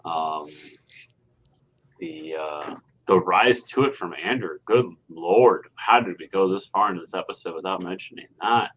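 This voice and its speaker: A man's voice: sits low, unhurried, a bit bright, breathy edge. Easygoing man on a dull lo-fi mic. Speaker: podcast panelist. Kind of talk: casual chat.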